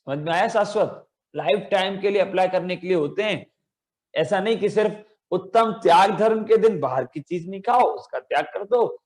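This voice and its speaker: High-voiced man teaching kids online. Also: darkish tone. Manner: coaxing, chants verses slowly for children to repeat; calls on children by name. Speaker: children's religion teacher. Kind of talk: online class for children, call and response.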